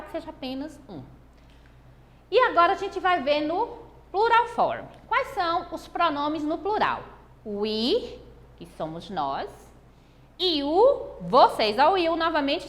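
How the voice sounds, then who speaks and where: A Brazilian woman teaching an English lesson with a Brazilian Portuguese accent, stretching out her example phrases slowly. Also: sits high, long reverb tail. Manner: animated, drawn-out examples. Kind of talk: recorded online lesson.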